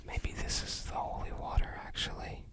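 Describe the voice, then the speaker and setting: The voice is a soft whisper made of breath alone, from an ASMR host. Sounding like slow unboxing commentary, it's casual and pensive, with tentative remarks that come across as thinking out loud, quietly.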